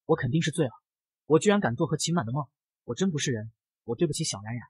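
A man's voice: on the high side, lively intonation, fast talker, slightly rough, no echo. A man voicing a drunk, clingy young man in women's clothes who whimpers and whines, in a comic narration. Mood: whiny drunk. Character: drunk whiny young man dressed as a woman.

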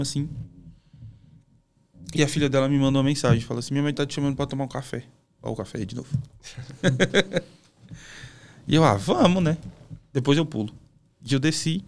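A man's voice: fairly high pitch, creaky, darkish tone. A Brazilian man, a pastor guest on a podcast, telling a personal testimony in a casual, emotional, storytelling way with colloquial asides. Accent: Brazilian Portuguese.

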